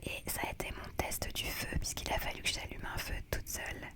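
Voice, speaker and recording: A woman narrates a travel vlog entirely in whispers, quiet and hushed as if at night. She speaks close to the microphone in an ASMR style, recounting things as a vlogger would. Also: a little fast. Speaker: vlogger narrating her trip.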